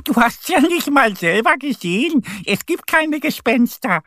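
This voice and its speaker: A storyteller voicing a cheerful, fearless little female duck in a children's story, speaking high and bright. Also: unhurried, no echo, studio quality, full character voice. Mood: cheerful, bold. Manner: bright, confident, excited.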